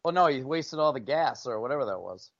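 Man, podcast co-host, wisecracking film chat, lively pitch, dry and slightly muffled. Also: fairly quick, no echo. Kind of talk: casual wisecracking film commentary. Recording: dry, slightly dull audio.

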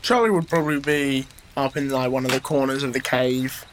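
A man's voice: medium pitch, steady tone, brisk, background noise. A man playing a tabletop role-playing game, who talks hesitantly with many fillers. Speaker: player. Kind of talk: tabletop role-play chat.

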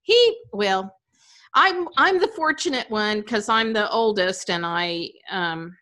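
A woman's voice: medium pitch, expressive, slow pace, bright, forceful tone. A woman co-host chatting casually and sharing personal anecdotes. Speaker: podcast co-host.

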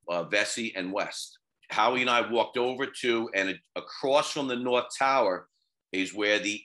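A man's voice: on the low side, sharp tone, poor audio. A firefighter, a man, telling his own story in an interview in a matter-of-fact way. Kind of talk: first-person interview storytelling.

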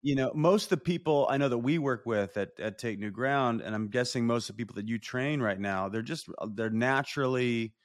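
A man with a mid-range voice co-hosts a podcast. He talks in an animated, loose way, piles up fillers and drops casual swears as he builds his point. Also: medium pitch, brisk, few pauses. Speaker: podcast co-host.

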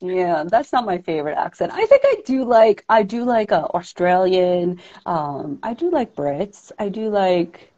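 A woman's voice: lowish voice, sing-song, measured pace, mellow. Chatty East Coast woman, dull sound. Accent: New York. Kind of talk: casual chat.

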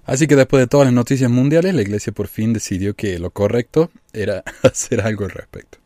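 A man's voice: mid-range voice, fairly quick, dark tone. A man hosting a talk show, giving wry, chatty commentary on the news with frequent rhetorical questions. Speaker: podcast host. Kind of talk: casual commentary.

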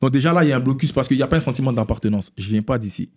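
A man from Ivory Coast with a French-sounding accent, a rapper guest explaining himself in an animated, emphatic casual conversation. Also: mid-range voice, racing.

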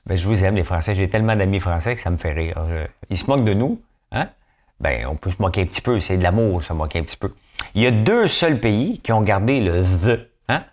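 A man with a Québécois accent talks through his podcast in a relaxed, joking way. His voice sits low but moves around constantly, rising and falling as he banters. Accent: Québécois French. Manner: playful, chatty, keeps asking "hein?". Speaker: podcast host. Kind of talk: casual commentary.

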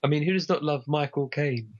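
A man's voice: fairly high pitch, fairly quick, dull audio. Rambling man chatting films. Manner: rambling, self-correcting. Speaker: co-host. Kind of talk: casual comedy film chat.

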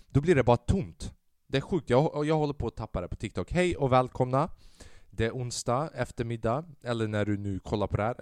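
A man's voice: mid-range voice, clean tone, no room sound, clean studio sound. A young man hosting his own podcast, rambling and self-mocking, swearing a lot and dropping English phrases into casual talk. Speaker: podcast host. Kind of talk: casual solo podcast monologue.

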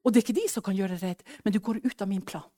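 A middle-aged woman preaching a sermon, fervent and swinging between hushed speech and loud exclamations, acting out the prayers and dialogue she retells. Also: mid-range voice. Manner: acts out quoted prayers and dialogue.

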